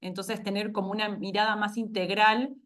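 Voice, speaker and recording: Halting woman presenting an online talk. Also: medium pitch, level tone, fairly bright tone. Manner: halting, thinking aloud with restarts. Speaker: speech therapist presenter. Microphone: video call.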